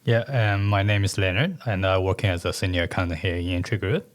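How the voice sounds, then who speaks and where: A low-pitched man from China talks in casual podcast chat. He sounds relaxed and explanatory, dropping "like" often as he goes. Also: fairly quick. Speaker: senior accountant.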